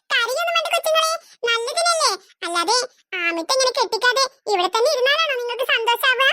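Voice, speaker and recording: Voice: very high voice, pushed and bright, exaggerated voice. A voice actor playing a boastful, scheming aunt in a cartoon who brags and gloats in a mock-sweet way. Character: greedy boastful scheming aunt, adult woman. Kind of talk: Malayalam cartoon voice acting.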